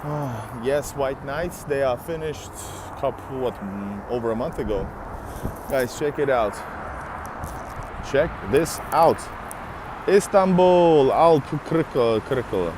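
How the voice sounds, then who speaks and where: The streamer from Finland, a native Russian speaker, talks slowly in a mid-range voice against a noisy city street background. Walking outside, he chats casually with viewers and greets them by name.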